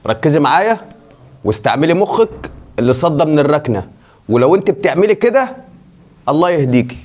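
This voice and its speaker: A man's voice: a little high, very animated, fast talker, a little mellow. A man with an Egyptian Arabic accent who pleads, scolds and preaches in a comedy sketch and speaks straight to viewers.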